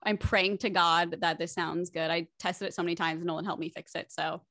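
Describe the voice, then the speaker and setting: A woman co-hosting a podcast from her home podcast room, upbeat, quick to laugh and self-deprecating in casual chat. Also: fairly low pitch, fairly even intonation, a bit bright. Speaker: podcast co-host and editor. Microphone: home podcast mic.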